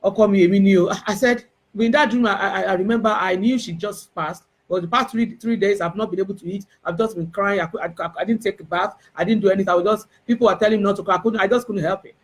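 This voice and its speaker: In a mid-range voice with a breathy edge, a Yoruba-accented Nigerian woman, a spiritual herbalist, shares her spiritual testimony. The telling is emotional and halting, peppered with fillers and false starts.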